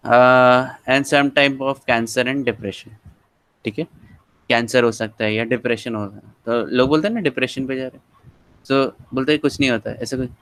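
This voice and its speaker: Man teaching genetics in a smooth dry voice. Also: mid-range voice, normal speed, a bit bright, no room sound, low-quality recording. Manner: explanatory, frequent "theek hai" check-ins. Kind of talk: casual lecture mixing Hindi and English.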